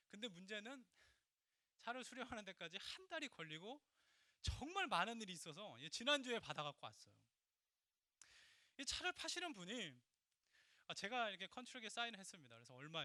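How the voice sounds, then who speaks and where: A male pastor preaching a sermon to his congregation, telling a personal story with lively acted-out inner dialogue and laughter. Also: high voice, no room sound. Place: church sanctuary.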